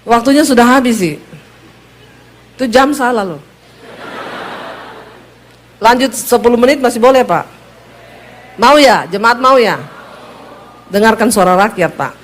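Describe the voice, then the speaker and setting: A woman pastor with a Sulawesi accent, preaching a humorous sermon in a lively, joking way before a congregation in church. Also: fairly high pitch, a little slow, pauses often, a little hiss or hum.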